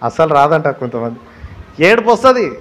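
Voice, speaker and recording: High-voiced preaching pastor. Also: male voice, sing-song, normal speed, a bit bright. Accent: Telugu, Andhra Pradesh. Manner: emphatic preaching, repeats phrases, rhetorical questions. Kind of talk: sermon.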